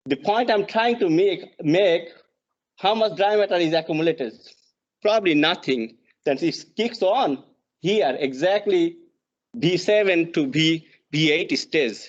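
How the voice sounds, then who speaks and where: A man from Bangladesh with a Bangladeshi accent delivers an extension lesson over slides, pausing often on fillers and restarting phrases. His voice sits fairly high for a man. The audio is dull and lo-fi, as from an online meeting. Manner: halting, frequent uh fillers and restarts. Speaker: extension soil fertility specialist.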